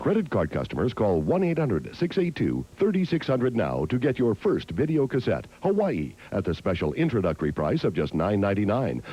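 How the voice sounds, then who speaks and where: A husky male infomercial announcer reads out ordering details with extremely animated pitch swings. The delivery is punchy and urgent, on slightly muffled, lo-fi broadcast audio. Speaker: commercial announcer. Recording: dull, lo-fi TV ad audio.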